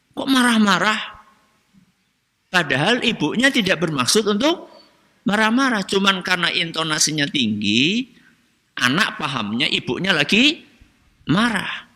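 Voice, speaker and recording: A man's voice: sits high, pushed and bright. A man giving a religious study lecture as a preacher, asking his audience questions and answering them himself. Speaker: Islamic preacher. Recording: long hall reverb.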